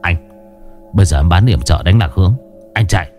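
A man's voice: low voice, darkish tone, faint music behind, voice pushed down, natural voice. A man voicing a loyal male gang underling speaking urgently. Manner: urgent, hurried.

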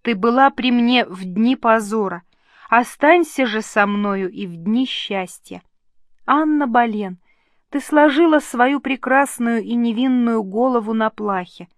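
A woman's voice: a little high, measured pace, dry recording, studio quality. A woman voicing an earnest, emotional young princess who speaks in fervent exclamations in an audiobook reading.

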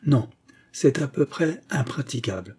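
A man voicing a gruff, skeptical old English pioneer who talks bluntly and with irony in a read-aloud story. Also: mid-range voice, lively intonation, measured pace, darkish tone, full character voice. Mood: scornful. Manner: blunt and ironic.

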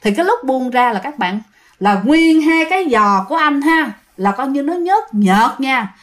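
High-voiced Southern Vietnamese storyteller woman. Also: animated, normal speed. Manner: chatty, addresses listeners, many repeats. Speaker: ghost story narrator. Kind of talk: casual spoken ghost story.

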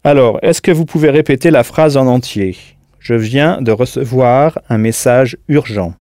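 A man's voice: mid-range voice, a little slow, warm tone, no echo, studio quality. A man teaching a recorded audio language lesson, patiently spelling out words letter by letter and prompting the listener to answer.

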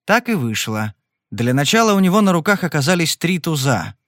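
A male audiobook narrator with a steady, measured delivery. His voice sits a little high for a man. The recording is dry and close, with no room sound. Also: no echo.

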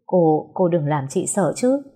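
A woman's voice: lowish voice, lively intonation, a little slow, dark tone, slightly rough. A woman voicing a nervous young woman of the household. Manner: jittery.

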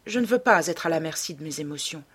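Woman reading young male dandy, cynical, detached, lowish husky voice. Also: expressive, fast talker. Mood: curt. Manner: detached, smoothly self-justifying. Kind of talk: audiobook character reading.

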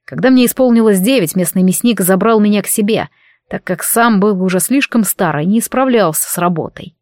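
Gruff brooding warrior lover, as a woman reads him. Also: mid-range voice, a little fast, darkish tone, no room sound, clean studio sound, close to an everyday voice. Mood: wistful, flat.

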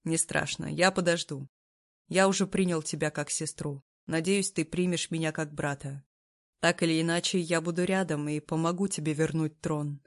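A man's voice: a little high, steady tone, normal speed, no room sound, studio quality, natural voice. A female reader voicing an offhand retired emperor. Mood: earnest. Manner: offhand, easygoing. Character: laid-back retired male emperor, teasing.

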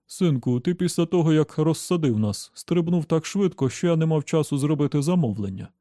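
A man voicing a jovial, smooth-talking middle-aged bishop with a hearty, preacherly manner. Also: on the high side, lively intonation, brisk, dark tone, no echo, studio quality, voice pushed up, close to an everyday voice.

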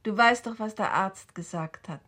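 An actress playing a lonely, uneasy middle-aged woman in a 1960s radio drama, speaking softly and often in a breathy whisper. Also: medium pitch, normal speed. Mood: tender uneasy. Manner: soft and gentle.

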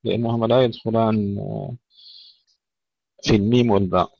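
A man giving a Quran recitation lesson, explaining each rule in a steady, even tone and then reciting the verse slowly with long drawn-out vowels. The recording is dry with no room sound and slightly muffled. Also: on the low side, no room sound. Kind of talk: tajweed lesson with slow recited examples.

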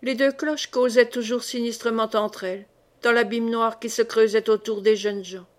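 Lectrice de livre audio, femme à la voix assez aiguë, lecture posée et expressive d'un roman classique. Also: female voice, on the high side. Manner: calm, measured, expressive reading. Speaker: audiobook reader. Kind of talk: literary audiobook narration.

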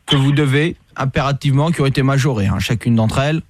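A man's voice: medium pitch, quick pace, no room sound, pitched below the performer's own voice, lightly acted. A man playing a bossy, hot-tempered police commissioner in a prank phone call, barking orders and threatening. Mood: stern. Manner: barks orders, shouts and threatens. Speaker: prank caller, radio host.

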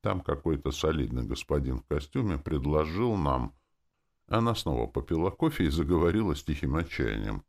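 A man narrating a first-person audiobook in an expressive storytelling manner. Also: rumbling low, normal speed.

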